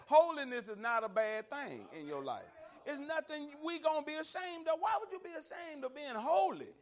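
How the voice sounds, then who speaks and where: A preacher from Alabama in the American South leads a Bible study, his very high-pitched voice extremely animated at a moderate pace with hardly any pauses. His conversational sermon is folksy and emphatic, repeating phrases for weight and often calling his listeners y'all.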